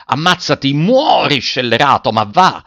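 Man acting as a furious shouting army captain. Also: fairly high pitch, sing-song, a little slow, voice pushed up, heavily acted. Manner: shouting through clenched teeth. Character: furious male army captain barking battle orders. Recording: dull lo-fi dry recording.

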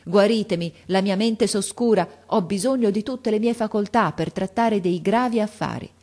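A woman's voice: mid-range voice, normal speed, dark tone, pitched above the performer's own voice, lightly acted. A woman voicing a dying old statesman who speaks imperiously through his fever. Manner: imperious, strained.

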